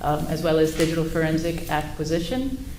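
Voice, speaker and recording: A woman's voice: low voice, expressive, a little fast. A woman giving courtroom testimony as an expert witness, explaining things in procedural terms. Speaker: expert witness, sheriff's intelligence commander. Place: indoor courtroom. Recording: echoey room with faint noise.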